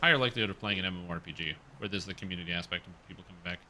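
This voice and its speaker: A man livestreaming a game on headset audio, chatting casually with viewers and reacting loudly to the gameplay. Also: low voice, very fast, slight background noise. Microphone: livestream headset mic.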